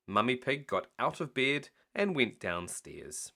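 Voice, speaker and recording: A man reads a picture book aloud as a bedtime story, taking it slowly and expressively, his pitch swinging in lively ways.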